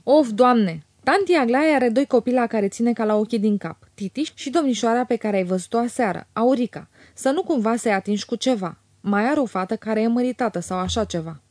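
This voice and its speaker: A woman voicing a lively, teasing young woman in an audiobook, her tone lifted and bright with chatter. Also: on the high side, dry recording, studio quality. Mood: playful. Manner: bright, teasing, quick to laugh.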